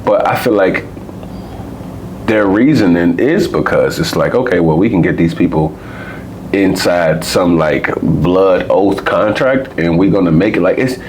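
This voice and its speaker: A man's voice: deep voice, measured pace, a little mellow, slight background noise. An American man in his twenties or thirties, co-hosting a podcast, rambling and profane in casual conversation. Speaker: podcast co-host.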